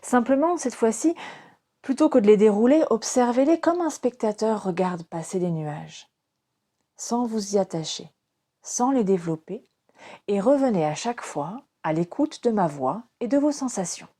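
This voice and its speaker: With a mid-range voice, a woman leads a yoga nidra relaxation meditation as its teacher. She sounds calm and soothing, speaking in short phrases separated by pauses.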